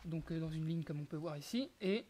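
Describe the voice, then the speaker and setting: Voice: medium pitch, brisk. Gaming commentator over hiss. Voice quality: explanatory, stop-and-start with many fillers and self-corrections. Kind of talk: casual gameplay commentary. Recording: steady background hiss.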